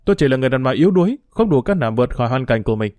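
A man's voice: mid-range voice, lively intonation, rapid-fire, dark tone, no echo, lightly acted. A man reading a story aloud and voicing a tearful young woman pleading her case. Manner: pleading, emotional.

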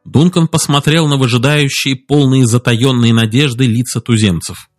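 A man narrating a story aloud in an expressive audiobook style. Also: medium pitch, normal speed, faint music behind. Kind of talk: audiobook reading.

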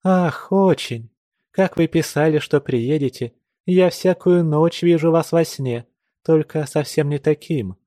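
A man's voice: on the high side, unhurried, warm tone, no echo, studio quality, voice pushed up, lightly acted. A man putting on a playful young village girl. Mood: girlish, playful. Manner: playful, coy, teasing.

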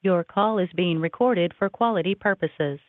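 A man's recorded voicemail system prompt, reading automated instructions in a flat, measured way. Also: high-pitched, dry recording. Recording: tinny phone line with line noise.

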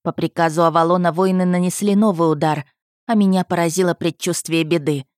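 A woman narrating a first-person fantasy audiobook in a measured, tense manner. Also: lowish voice, steady tone, darkish tone, no room sound, clean studio sound.

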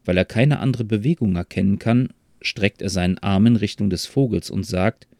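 Calm low-voiced male storyteller. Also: moderate pace, vocal fry, dry recording, studio quality. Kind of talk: scripted story narration with character voices.

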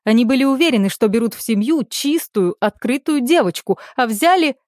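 A woman reads a shrill, reproachful middle-aged aunt for an audiobook, her voice pitched higher and pushed louder than the narration, pleading one moment and accusing the next. The recording is close and dry, with no room sound. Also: animated, a little fast, dry recording, lightly acted.

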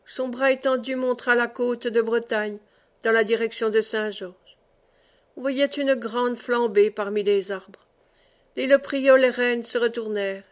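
A woman reads a classic novel aloud in measured storytelling. Her voice sits fairly high. The reading is steady and literary. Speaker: audiobook reader. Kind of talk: literary audiobook narration.

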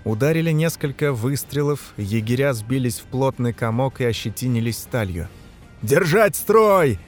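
A man reading a dark fantasy novel aloud as narrator, shouting the characters' lines in the battle scenes. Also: medium pitch, normal speed, soft background music. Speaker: audiobook narrator. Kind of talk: scripted narration.

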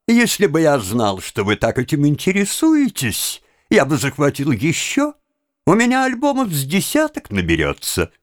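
A man's voice: on the high side, huge pitch swings, moderate pace, no echo, studio quality. A man voicing a chatty, smug jailer who boasts and talks down as if to a child. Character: chatty, smug, cloying male jailer-executioner.

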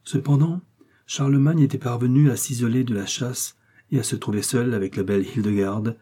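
A man reading a classic novel aloud as narration, in a steady, measured way. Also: medium pitch, slightly rough. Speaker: audiobook reader.

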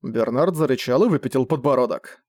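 A man narrating a fantasy audiobook with expressive storytelling. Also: medium pitch, a little fast, no echo, clean studio sound.

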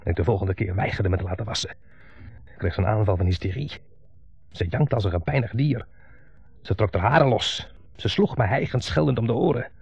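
A brooding, gravelly son. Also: male voice, fairly low pitch, fairly quick, long pauses, no echo, soft background music. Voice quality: gravelly, husky. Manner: brooding, intense monologue. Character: grown son, bitter, dominated by his mother. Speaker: son caring for his mother. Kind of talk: 1970s radio play monologue. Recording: dull 1970s radio broadcast.

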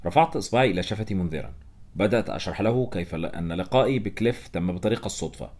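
A man narrating a novel as an audiobook in a steady, measured reading. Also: deep voice.

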